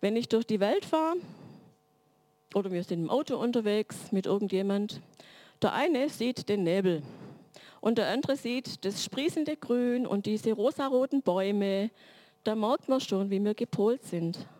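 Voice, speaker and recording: Warm-voiced middle-aged woman preaching. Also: mid-range voice, animated, measured pace. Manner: reflective, builds long spoken lists. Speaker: church speaker. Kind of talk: sermon-like teaching talk.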